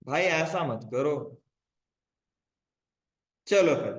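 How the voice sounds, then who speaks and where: A man with a fairly high voice leads a live online coding lesson, mixing English terms into relaxed explanations. He keeps checking in with his students, and the room around him sounds echoey. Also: drawn-out words. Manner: casual Hindi-English teaching, frequent check-ins with "bhai". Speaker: coding instructor.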